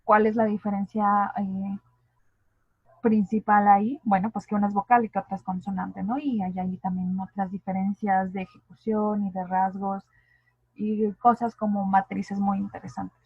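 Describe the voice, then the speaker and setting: Mexican woman teaching linguistics, kinda husky, asks the class stuff, sounds like a phone call, dry. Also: mid-range voice, flat delivery, normal speed, dry recording. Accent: Mexican Spanish. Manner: explanatory, asks the class rhetorical questions. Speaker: linguistics tutor. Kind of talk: online lecture.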